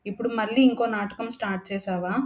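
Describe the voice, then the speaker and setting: A woman's voice: mid-range voice, steady tone, quick pace, natural voice. A woman voicing a stern, possessive young man who gives cold commands.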